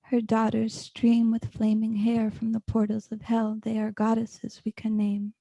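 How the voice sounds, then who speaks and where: Slow, dark-voiced woman reading poetry solemnly. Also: a little high, monotone, vocal fry, dry recording. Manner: solemn, deliberate recitation. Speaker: poetry reader.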